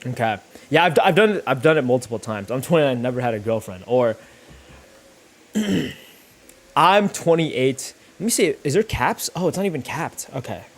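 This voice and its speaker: This young thumbnail-making livestreamer talks at a moderate pace in an expressive, mid-range voice. Working as he goes, he chats casually and thinks aloud, rambling in slang peppered with swearing.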